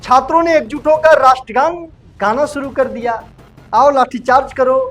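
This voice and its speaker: A man's voice: extremely high pitch, normal speed, fairly bright tone, soft background music. A man hosting a casual online news report, talking chummily to viewers and calling them brother. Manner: chatty, addresses viewers as brother. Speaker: news anchor.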